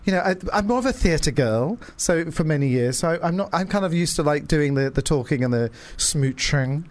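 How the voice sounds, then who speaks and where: A man's voice: on the high side, lively intonation, moderate pace. A middle-aged man presenting a radio show in a campy, theatrical drag-diva manner, drawing out words and endearments.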